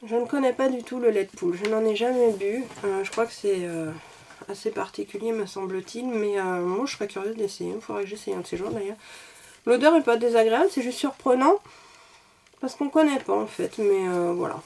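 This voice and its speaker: A woman's voice: a little high, a little mellow, slight background noise. A woman reviewing makeup in a chatty, self-deprecating way, a little sick and coughing now and then. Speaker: beauty vlogger.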